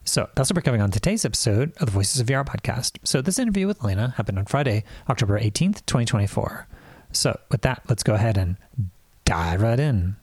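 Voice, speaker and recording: A man's voice: medium pitch, lively intonation, fast, a little mellow, husky, no echo, clean studio sound. A man hosting an interview podcast, casual and conversational, with loose phrasing. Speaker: podcast host. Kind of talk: podcast intro and interview questions.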